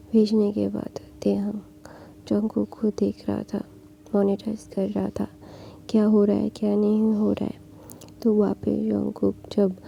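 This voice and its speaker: A woman narrating a fan fiction story in a soft, half-whispered way. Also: mid-range voice, gravelly, slight background noise.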